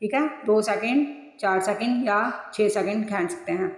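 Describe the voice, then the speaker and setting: A woman's voice: medium pitch, moderate pace, echoey room, long reverb tail. A woman teaching tajweed in a patient, repetitive way, counting out seconds and stretching recited syllables. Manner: patient, repeats rules and counts seconds aloud. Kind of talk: tajweed lesson.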